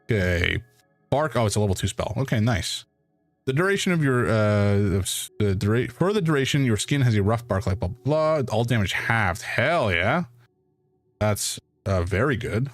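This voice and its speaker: A man streaming a fantasy role-playing game, reading its text aloud with playful, excitable commentary. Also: lowish voice, normal speed, dry recording, soft background music.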